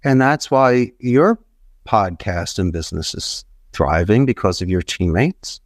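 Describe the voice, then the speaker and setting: A middle-aged Philadelphia man, a call center entrepreneur guesting on a podcast, gives rambling motivational business advice with emphatic, repeated phrases. His voice is low-ish and expressive at a measured pace. The studio sound is clean with no echo.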